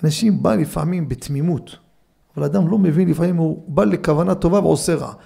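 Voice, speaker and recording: A middle-aged man, a rabbi, giving a Torah lesson in a study hall, mixing teaching with animated, humorous anecdotes. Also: on the high side, vocal fry, breathy edge. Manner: animated storyteller, acts out scenes with humor.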